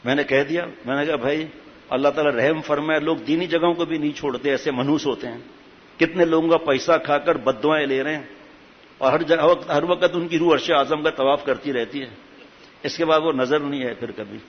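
Man, storytelling sermon, lively acted-out dialogue, echoey hall, muffled audio. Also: on the high side. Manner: animated storytelling, acting out dialogue. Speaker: preacher. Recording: echoey hall, dull audio, faint hiss.

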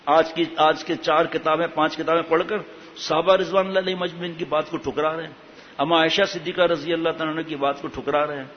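A man's voice: fairly high pitch, steady tone, a little hiss or hum. A man preaching a sermon with passion, asking the listeners many rhetorical questions. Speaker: religious preacher. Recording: echoey hall, dull lo-fi sound.

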